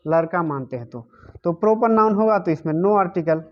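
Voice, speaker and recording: A man's voice: high voice, lively intonation, moderate pace. A male teacher giving a grammar lesson, asking his class questions and answering them himself, repeating the key words. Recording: dull lo-fi recording.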